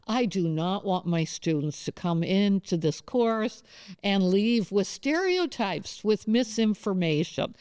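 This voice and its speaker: A woman's voice: lowish voice, darkish tone, clean tone, dry recording, clean studio sound. A woman professor interviewing a colleague, talking in a rambling, conversational way with many asides. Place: campus studio.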